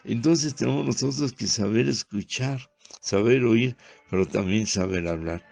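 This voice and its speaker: A man with a Mexican Spanish accent preaching a sermon, talking at a measured pace and calling out loudly when he voices quoted pleas. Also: medium pitch, vocal fry.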